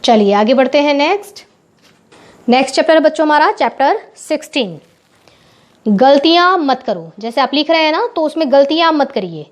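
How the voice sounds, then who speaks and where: A woman teacher explaining classroom English to children in Hindi, saying each English phrase slowly and clearly. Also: high-pitched, lively intonation. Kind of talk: spoken English lesson for children. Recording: dull, lo-fi recording.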